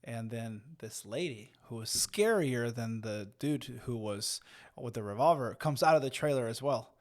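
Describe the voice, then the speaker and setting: A man in his thirties, from Mexico, co-hosting a leadership podcast. He tells stories in a loose, rambling way, full of fillers and restarts. His voice sits at a middle pitch. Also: animated, normal speed. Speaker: podcast co-host. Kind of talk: casual storytelling chat.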